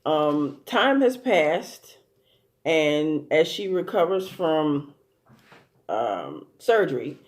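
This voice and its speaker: A woman's voice: sits low, sing-song, drawn-out words. A woman giving a casual recap and commentary on a TV episode, blunt and amused, swearing freely and using lots of fillers and restarts. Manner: rambling and profane, with many fillers and restarts. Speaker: TV show commentator.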